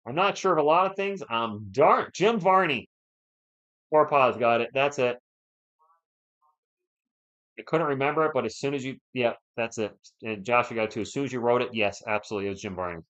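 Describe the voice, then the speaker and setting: A man with a sore throat who is losing his voice does casual live play-by-play of a basketball game, reading and answering viewer chat between plays. His mid-range, fairly bright voice moves at normal speed with long pauses, and the stream audio is dull and lo-fi.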